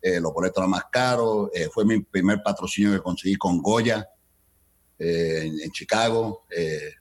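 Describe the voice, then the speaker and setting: A man in his sixties from Colombia, a guest telling lively anecdotes in an interview and mixing Spanish and English as he acts out dialogue. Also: low voice, normal speed. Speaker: guest, entertainment entrepreneur. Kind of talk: storytelling in a conversational interview.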